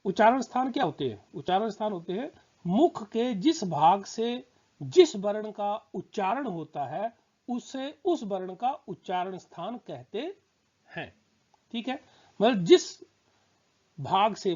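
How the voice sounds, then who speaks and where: Man, slow-paced teacher, patient and repetitive, slightly dull lo-fi recording. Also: high voice, a little mellow. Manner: patient, repeats words and checks understanding. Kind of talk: slow spoken grammar lesson.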